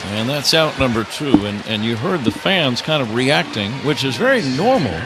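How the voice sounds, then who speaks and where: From a ballpark broadcast booth, an American radio announcer calls a baseball game live in a mid-range, sing-song voice at normal speed. Loud music and a loud crowd sit behind him, and the noisy broadcast carries clear outdoor stadium ambience.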